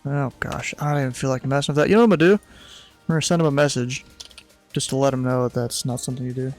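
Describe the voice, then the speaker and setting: A man's voice: medium pitch, level tone, quick pace, soft background music. A man livestreaming as an air traffic controller, switching between radio phraseology and folksy, casual chat.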